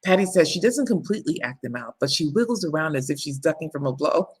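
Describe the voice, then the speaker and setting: A woman's voice: low-pitched, animated, fast, darkish tone, slightly rough. A woman book coach hosting live writing sprints in a casual, chatty way, laughing often and reading viewer comments aloud. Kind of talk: casual live-stream chat.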